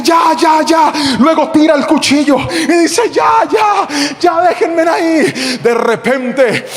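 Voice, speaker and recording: High-voiced pastor in a hall. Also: male voice. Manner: animated storytelling, shouting and acting out quotes. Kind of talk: sermon with acted-out story.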